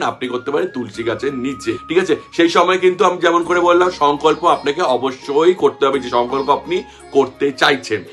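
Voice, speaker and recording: A man's voice: fairly high pitch, fairly bright tone. A man hosting a ritual-advice channel, giving repetitive, emphatic step-by-step instructions to viewers.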